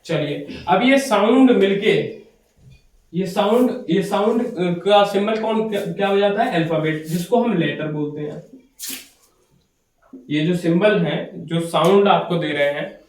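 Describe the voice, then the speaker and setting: High-voiced male teacher in an echoey classroom. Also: unhurried, darkish tone, distant mic. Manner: explains step by step, asks and answers his own questions. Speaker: English teacher. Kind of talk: classroom grammar lecture. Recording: very echoey room, voice from afar.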